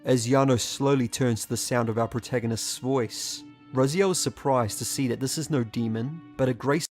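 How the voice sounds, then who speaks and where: A man's voice: medium pitch, fairly even intonation, a little mellow. Composed male narrator over music. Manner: measured, literary, composed. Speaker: narrator of a video game character study. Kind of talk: scripted narration.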